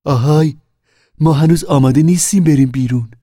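A stern middle-aged farm woman, voiced by a man in an audiobook, raised well above his own pitch. Her tone is dark and mellow, and she speaks firmly and insistently. The sound is close and dry. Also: no room sound, lightly acted.

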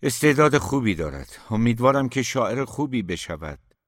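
A man's voice: mid-range voice, sing-song, no echo, clean studio sound, pitched above the performer's own voice. A man reading an audiobook, voicing a polite, easily distracted young man.

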